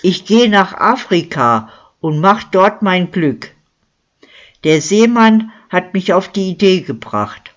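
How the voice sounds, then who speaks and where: A man's voice: sits high, very animated, slow pace, a bit bright, heavily acted. A narrator voicing a boastful, lying male village miller with a smug, self-important manner, on a dull lo-fi recording. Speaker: character in a crime story.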